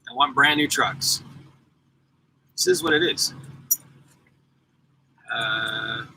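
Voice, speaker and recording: A forty-something man talks to his live viewers in a loose, rambling way, his voice bright and forceful. He sits in a parked truck, recorded on a laptop mic with a faint hum of ambience behind him. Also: medium pitch, fairly even intonation, slow pace, poor audio. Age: 40s. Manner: rambling, chatty, addresses viewers directly. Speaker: truck driver and YouTuber. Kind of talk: casual live-stream chat.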